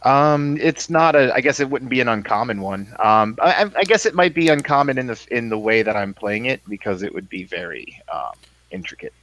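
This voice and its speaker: A man's voice: mid-range voice, animated, brisk, fairly bright tone. A man playing a bard in a tabletop game, rambling and laughing, with lots of "like" and restarts. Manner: rambling, laughs often, many fillers. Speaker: player. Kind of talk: casual tabletop game chat.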